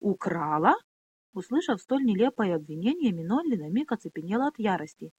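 Brief: woman audiobook narrator, lively intonation, close dry studio sound. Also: mid-range voice, fast, slightly rough, dry recording. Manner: expressive, animated.

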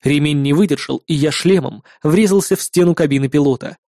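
A man reading first-person audiobook narration in a gruff, sardonic manner. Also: fairly high pitch, brisk, mellow, dry recording, studio quality.

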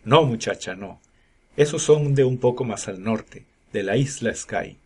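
Grim old carter in an audiobook, read by a man, low and husky. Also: expressive. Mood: proud. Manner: hoarse, gloomy and slow. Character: gruff old male Scottish cart driver.

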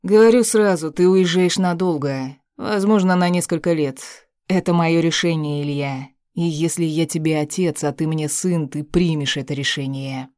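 A woman's voice: normal speed, hardly any pauses, a little mellow, no echo, clean studio sound, lightly acted. Woman voicing a stern, menacing cop father. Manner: low, menacing, curt. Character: stern, harsh middle-aged man, police officer father.

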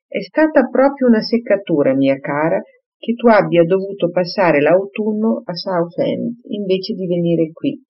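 A man's voice: high-pitched, animated, unhurried, full character voice. A reader voicing a fretful, doting elderly father in an audiobook, fussing in a raised voice. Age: older. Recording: slightly muffled recording.

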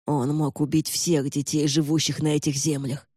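Man doing a bossy gaunt old lord, snaps short orders, warm dark voice, dry booth sound. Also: on the high side, flat delivery, normal speed, dry recording, natural voice. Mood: irritated. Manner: curt, commanding, snapping. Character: older gaunt male lord, curt and commanding.

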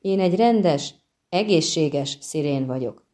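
A woman voicing a haughty, petulant female siren in an audiobook, shrill and demanding. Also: animated, mellow. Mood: indignant. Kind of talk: audiobook reading.

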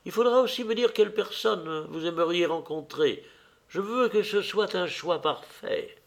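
A man voices an old society hostess, a bossy matchmaker speaking in a fussy, commanding way with a raised, fluttery pitch. He keeps a moderate pace and there's vocal fry in his voice.

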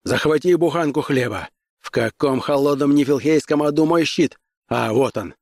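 A male audiobook reader voicing a gruff, hardened barbarian warrior who barks curt commands. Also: lowish voice, normal speed, mellow, no room sound, lightly acted. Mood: urgent. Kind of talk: audiobook character voice.

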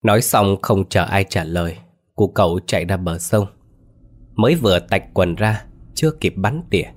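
A man narrating a ghost story in a folksy, lively storytelling manner. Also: deep voice, a little hiss or hum.

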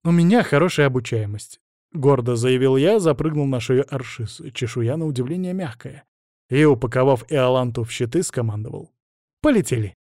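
A man's voice: mid-range voice, normal speed, warm tone, no room sound, clean studio sound. A man narrating a fantasy audiobook in a wry, conversational first-person voice.

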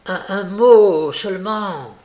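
A man's voice: fairly high pitch, expressive, unhurried, gravelly, a bit bright, full character voice. A man reading aloud and voicing an old, scheming male criminal who presses and pleads urgently. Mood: pleading.

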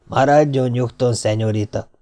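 A man reading an audiobook voices a cruel, mocking male bandit leader who speaks in a slow, self-assured, taunting way. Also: medium pitch, steady tone, mellow, lightly acted. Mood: menacing.

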